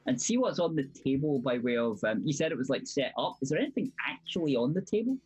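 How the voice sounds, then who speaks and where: A man's voice: medium pitch, very animated, fast talker, a little mellow, breathy edge, dry recording. A man playing a tabletop game, casually describing his character's actions and asking questions. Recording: dull, lo-fi microphone sound.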